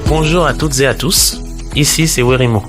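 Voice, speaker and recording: Male interview host, polite and prepared, with clear music underneath. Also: mid-range voice, normal speed. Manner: polite, reads questions. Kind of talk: scripted interview questions. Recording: music bed behind voice.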